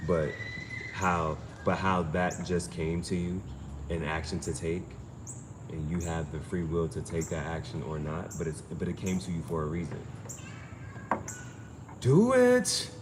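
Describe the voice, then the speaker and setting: Speaking low, expressively and without hurry, an amateur tarot reader who streams offers an informal spiritual reading full of long pauses. His guidance is emphatic, insistent and repetitive. There's clearly noisy ambience in the background.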